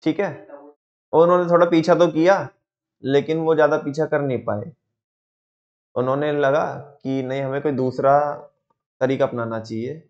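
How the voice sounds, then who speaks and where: A man's voice: fairly high pitch, steady tone, moderate pace, pauses often. Storytelling male business teacher, lo-fi. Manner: storytelling, asks students questions, acts out quotes. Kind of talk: lively classroom lecture with acted examples.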